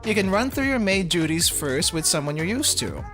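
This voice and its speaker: A woman acts out a kind teacher from a game story, gentle and reassuring. The delivery is calm, with music playing clearly behind it. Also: lowish voice, moderate pace.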